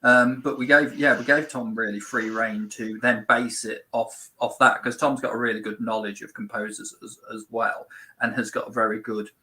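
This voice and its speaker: A man answering as a film director guest in a casual interview, easygoing and a bit halting. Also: fairly low pitch, fairly even intonation, sharp tone, low-quality recording.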